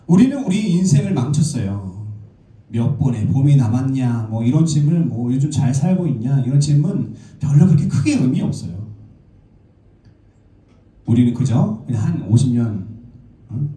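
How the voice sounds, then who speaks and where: A Korean man preaching a sermon as pastor, telling stories and asking his congregation questions. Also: on the high side. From South Korea. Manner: lively storytelling preacher, asks the congregation questions. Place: church sanctuary. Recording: roomy church echo, distant mic.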